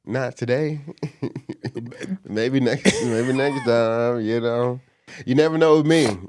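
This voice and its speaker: A man's voice: mid-range voice, slow, darkish tone, a little hiss or hum. A man co-hosting a casual podcast, laid-back and dryly teasing. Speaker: podcast co-host.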